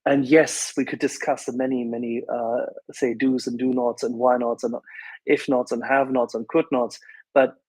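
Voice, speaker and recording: A man co-hosting a casual live discussion, wordy and halting, with ornate word choices. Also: mid-range voice, level tone, darkish tone, slightly rough, no room sound, low-quality recording. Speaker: co-host.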